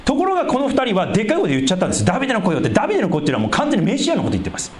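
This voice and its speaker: A man preaching a sermon as a pastor, explaining scripture in a conversational way and dropping into a lower voice for asides. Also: huge pitch swings, racing, echoey room, slight background noise. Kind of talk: sermon, Bible exposition.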